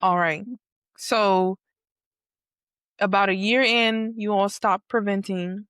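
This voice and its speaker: A woman's voice: mid-range voice, steady tone, slow pace, a bit bright, clean tone, no echo, studio quality. A woman hosting a podcast interview, asking probing follow-up questions and affirming often. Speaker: podcast host. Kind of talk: conversational interview.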